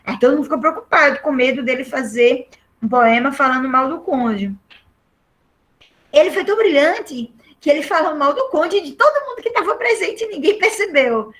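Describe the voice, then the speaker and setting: A woman's voice: sits high, lively intonation, moderate pace. A middle-aged Brazilian woman teaching a literature lesson, explaining patiently and often checking in with the class. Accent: Brazilian Portuguese.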